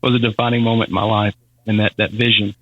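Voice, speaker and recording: A man telling a personal faith testimony as a podcast guest, halting and repeating words as he speaks. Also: lowish voice, flat delivery, highs cut off. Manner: halting, repeats words, Southern-style casual phrasing.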